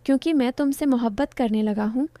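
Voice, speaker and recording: A woman narrating a romance novel aloud in the first person, in an even, calm storytelling voice. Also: high voice, no echo.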